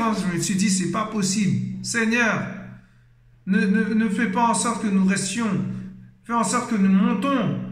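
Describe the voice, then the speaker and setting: High-pitched guy preaching all worked up, bright edgy voice, echoey room. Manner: fervent, emotional, exclaiming and repeating himself. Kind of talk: impassioned exhortation.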